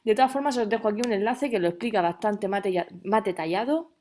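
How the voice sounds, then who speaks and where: A woman's voice: medium pitch, quick pace, a little mellow. Woman teacher explaining grammar. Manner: explanatory, checks understanding with frequent "¿vale?". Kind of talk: recorded video lesson.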